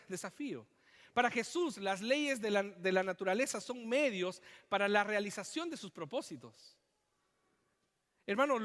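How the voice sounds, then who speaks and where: Male pastor, very high pitch, impassioned emphatic sermon, long hall echo. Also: a bit bright. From Chile. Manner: impassioned, emphatic preaching with repetitions. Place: church.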